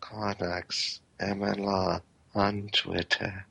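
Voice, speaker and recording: A man co-hosting a casual comedy show, telling stories in a crude, animated way. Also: sits low, extremely slow, creaky, a crowd in the background. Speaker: show co-host. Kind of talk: casual comic banter.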